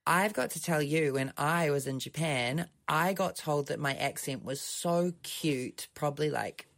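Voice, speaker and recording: A podcast co-host with a New Zealand accent trades casual, playful banter, chatty and given to drawn-out teasing. His voice is fairly high, gravelly, and a bit bright.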